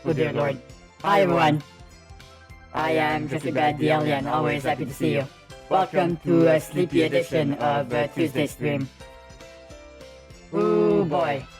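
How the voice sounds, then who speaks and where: A man streaming a video game live, commenting in a jokey, excitable way with loud outbursts while sounding sleepy. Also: fairly high pitch, unhurried, pauses often, over music.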